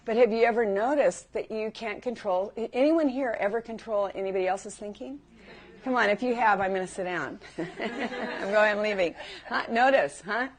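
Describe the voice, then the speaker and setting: A woman's voice: mid-range voice, brisk. A middle-aged woman leads a live workshop, talking to the group in a chatty, personal way. She keeps turning to her listeners with questions. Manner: warm, chatty, asks the audience questions. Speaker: workshop teacher.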